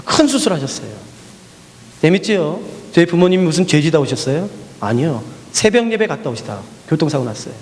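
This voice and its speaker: A man's voice: a little high, brisk, in a large hall. A male missionary preacher giving a sermon, telling stories with repeated refrains and questions put to the congregation. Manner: animated storytelling with repeated refrains and rhetorical questions. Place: church hall.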